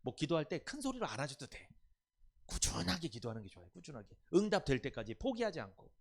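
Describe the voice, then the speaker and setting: A man's voice: on the high side, fast. A man preaching a Sunday sermon, asking the congregation questions and repeating key words. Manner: lively, rising and dropping loudness. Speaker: pastor.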